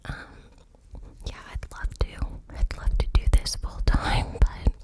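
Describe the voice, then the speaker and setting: A woman's voice: a little slow, dark tone. A woman whispering into cupped hands close to the mic, ear to ear, in a hesitant, informal ASMR ramble. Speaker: ASMR content creator. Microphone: close microphone, ear to ear.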